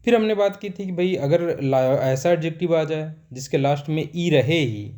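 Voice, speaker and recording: A man's voice: fairly high pitch, normal speed, dark tone. A male teacher recapping a grammar lesson, repeating himself and answering his own questions as he goes. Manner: repetitive, asks and answers himself.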